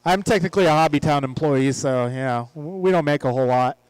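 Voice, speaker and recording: A man's voice: on the high side, fast talker, clean tone, no echo, rough recording. A man announcing an RC car race at a track, calling out lineups and the action with casual jokes in between. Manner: casual, joking between calls. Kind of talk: live race commentary. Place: outdoor RC track.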